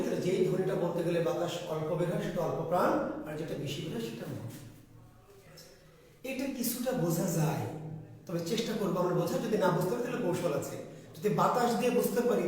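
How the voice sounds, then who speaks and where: A man teaching grammar in a lecture. He repeats key terms slowly for note-taking and asks and answers his own questions. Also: high voice, a little mellow. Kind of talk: classroom lecture. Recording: echoey hall, voice from far off.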